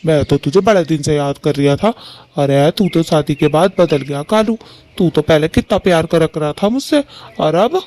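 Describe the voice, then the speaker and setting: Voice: medium pitch, animated, moderate pace, darkish tone, a little hiss or hum, close to an everyday voice. A performer voicing an old, ailing male bird father in a cartoon, complaining in rustic village speech.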